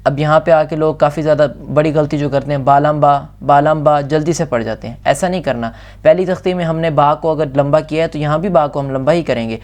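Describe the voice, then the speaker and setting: A man with a Pakistani Urdu accent teaching Quran reading, slowly stretching out letter names and then explaining patiently. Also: fairly high pitch, a little mellow. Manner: patient, instructive, insists on slow careful pronunciation. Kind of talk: slow, drawn-out letter recitation alternating with fast spoken explanation.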